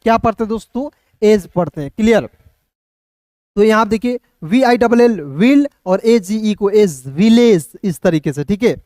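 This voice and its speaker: A man's voice: high voice, expressive, moderate pace, darkish tone, no room sound, studio quality. A man teaching beginner English phonics, asking and answering his own questions over and over.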